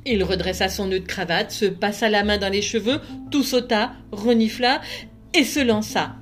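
A woman's voice: medium pitch, moderate pace. Woman reading a children's story aloud.

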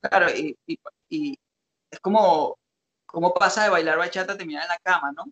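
Guy with a kinda high voice, thinking out loud, lots of ehs and pauses. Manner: reflective, hesitant with many fillers. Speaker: co-host analyzing song lyrics. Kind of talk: casual analytical discussion.

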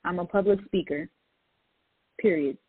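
Husky woman over a tinny line. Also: fairly low pitch, normal speed, no room sound. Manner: reflective, many "like" fillers. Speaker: poet and public speaker. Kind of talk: casual conversation.

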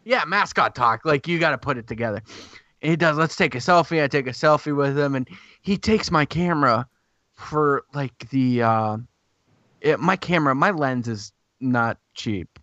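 A man's voice: medium pitch, expressive, moderate pace, sharp tone, no room sound, highs cut off. A man filling in as co-host, rambling and self-deprecating in casual sports chat. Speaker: fill-in co-host.

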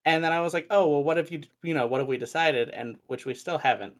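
A young man co-hosting a casual podcast chat, telling family stories with lively quoted voices. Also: fairly high pitch, fast. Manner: animated storytelling, quoting family in put-on voices. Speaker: podcast co-host.

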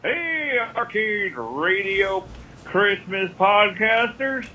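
A man with a high, bright, sharp voice leaves a voicemail message, rambling and joking. He stumbles through his sentences and leans on "you know" at every turn. Faint noise sits behind him. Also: very animated, very slow, low-quality recording. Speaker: caller. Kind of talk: joking prank-style call.

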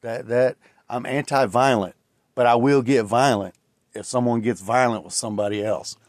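A man in his late forties hosts his own casual solo podcast, talking alone in a rambling, reflective way full of fillers and restarts. His voice is medium-pitched at a normal speed, captured in clean studio sound with no room tone.

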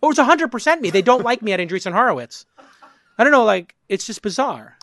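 Gravelly, rambling podcast host man. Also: sits high, fast talker, dry recording. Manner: rambling, animated, swears casually. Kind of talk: casual conversational interview.

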